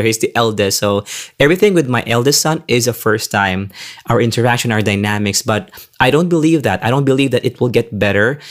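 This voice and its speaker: A young man, a faith community leader giving a candid, confessional reflection and a prayer, with many restarts. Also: medium pitch.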